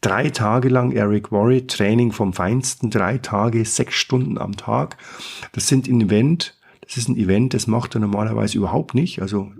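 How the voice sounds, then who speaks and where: A man's voice: lowish voice, moderate pace, creaky, a little mellow, breathy edge. A man hosting a podcast, talking in a casual, enthusiastic and rambling way, often restarting his sentences. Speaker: podcast host.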